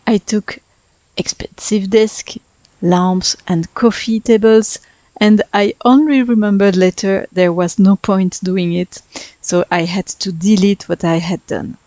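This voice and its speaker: With a warm, medium-pitched voice, fairly even intonation and a measured pace, a Sims speedbuild YouTuber narrates her game build. She is a native French speaker in her thirties with a French accent, chatty and self-deprecating, heard in a dry recording.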